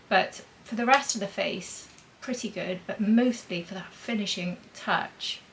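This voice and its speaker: A woman's voice: medium pitch, fairly bright tone, slight background noise, poor audio. A woman demonstrating makeup in a chatty vlog, thinking aloud as she applies blush and powder. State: talking with a mint in her mouth. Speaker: beauty vlogger.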